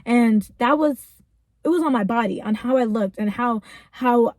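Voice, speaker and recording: Young woman vlogger in a car, earnest and chatty, slightly high voice, emotional and near tears, dry close sound. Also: darkish tone, dry recording. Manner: earnest, chatty, slips into tearful pauses. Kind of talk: emotional personal car vlog. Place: inside a car.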